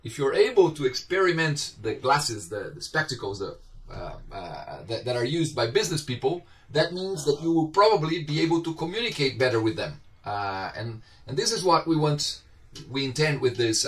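A middle-aged man with a Brazilian Portuguese accent gives an informal online university lecture from a home office with bookshelves, gesturing and often questioning his students. His medium-pitched, fairly bright voice has big pitch swings at a normal speed, heard as slightly distant audio from a webcam on a video call.

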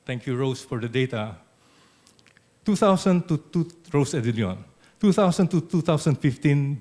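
An older man with a Filipino English accent giving an economics lecture in a measured way, often adding "okay" and a dry touch of sarcasm. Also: medium pitch, darkish tone. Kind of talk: academic lecture. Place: auditorium.

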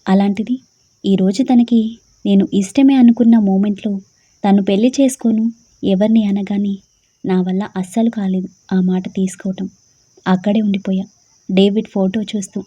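A woman narrating a first-person romantic story in a soft, subdued way. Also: medium pitch, steady tone, moderate pace, pauses often, husky, highs cut off.

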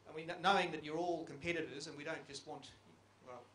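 A middle-aged man with a fairly high, a bit bright voice talks fast with fairly even intonation. He is a geological survey panelist giving panel discussion remarks into a handheld mic, reflective and putting questions to the audience. The conference room is echoey, with a faint hiss.

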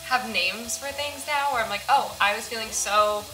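A young woman in her twenties with a slightly raspy voice, chatting casually to camera in her apartment kitchen, full of "like" and "um". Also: a little high, moderate pace, over music, rough recording. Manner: chatty, relaxed, lots of "like" and "um". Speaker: vlogger. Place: small apartment kitchen, indoors.

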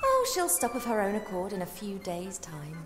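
A woman voicing a young, plucky, polite elf princess in a video game, expressive and articulate. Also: medium pitch, moderate pace, faint music behind. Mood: pointed. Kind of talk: video game character acting.

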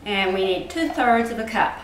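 A woman's voice: medium pitch, normal speed, noisy background. Chatty middle-aged woman in a home kitchen. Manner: chatty, homey step-by-step explaining. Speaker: cooking show host. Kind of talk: home cooking demonstration. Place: home kitchen indoors, garden outdoors. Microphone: far camera. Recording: roomy, distant home video.

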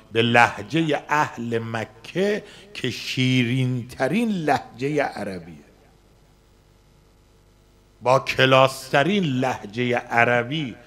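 A male cleric telling a personal story in a sermon, with dramatic shifts between soft passages and loud emphasis. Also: medium pitch. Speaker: cleric preaching. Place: religious community hall.

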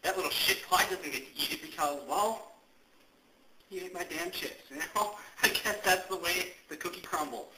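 A man's voice: sits high, moderate pace. A young man hosting a goofy homemade cooking show, with crude, jokey, mock-cheerful patter, recorded on a camera mic in a home kitchen. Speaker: comedy cooking show host. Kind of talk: goofy home-video comedy skit. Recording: echoey kitchen, noisy camera audio.

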